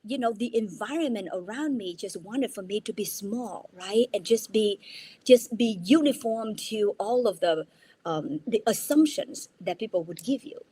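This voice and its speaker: Expressive, dark-toned and slightly rough, her medium-pitched voice moves at normal speed with no room sound. The guest is a jet-lagged woman in her fifties from Vietnam, a native Vietnamese speaker and entrepreneur, earnestly telling her story in a casual interview by video call from her mother's house. She restarts words and tags lines with "right?".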